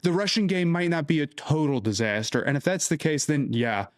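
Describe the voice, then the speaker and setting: A man's voice: on the high side, expressive, fairly quick, no room sound, clean studio sound. A man co-hosting a casual sports podcast, making his case point by point. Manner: reasoned, point-by-point arguing. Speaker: podcast co-host.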